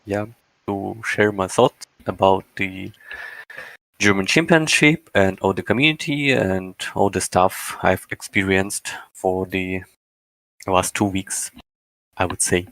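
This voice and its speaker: A Russian man in his twenties answers questions in English as a guest in a casual interview, hesitant and searching for words. His voice is deep, slow, creaky and a bit bright, and the poor audio has no room sound.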